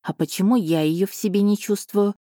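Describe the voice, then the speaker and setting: A woman's voice: mid-range voice, brisk, warm tone, dry recording, clean studio sound, lightly acted. A woman reading an audiobook voices a young heroine, skeptical and wry in her questions. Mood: wary. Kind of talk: audiobook character voicing.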